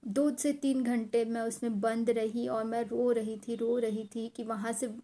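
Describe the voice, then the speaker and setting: Young woman, storytelling, emotional, repeats herself for emphasis, somewhat high voice. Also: level tone, unhurried, mellow. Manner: emotional, repetitive, mixes English words into her speech. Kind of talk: casual personal storytelling.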